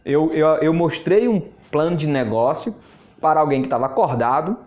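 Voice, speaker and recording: Man, fairly high voice, laughing storyteller, roomy echo. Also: expressive, normal speed, darkish tone, dull audio. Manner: chatty, laughs often, repeats words. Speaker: network marketing mentor. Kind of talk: casual anecdote telling. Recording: echoey room.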